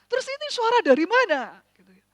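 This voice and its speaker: A woman preaching a sermon in church, telling a story animatedly and swinging between hushed and loud. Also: very high voice, big pitch swings, quick pace, dry recording.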